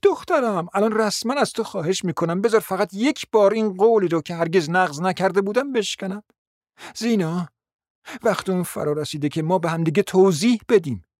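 A man's voice: sits high, dry recording, clean studio sound, lightly acted. A man playing a pleading, scheming mother. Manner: pleading, insistent and long-winded. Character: proud scheming middle-aged mother. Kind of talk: radio drama acting.

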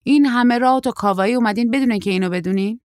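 A woman's voice: fairly low pitch, expressive, dry recording, natural voice. A woman voicing a brusque, terse middle-aged woman who talks in a dry, impatient way.

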